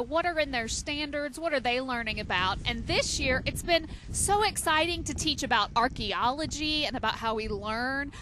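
A woman's voice: high-pitched, sharp tone, low-quality recording. A young American woman co-hosting live parade commentary on a headset outdoors, eager and enthusiastic. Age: young adult. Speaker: parade co-host, educator. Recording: outdoor street ambience, clear background noise.

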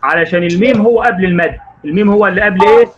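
Man, Egyptian Arabic accent, primary school teacher, online class, quizzing pupils by name, fast talker, dull online call audio. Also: sits high, slight background noise. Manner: encouraging, quizzing pupils by name, drawing words out slowly.

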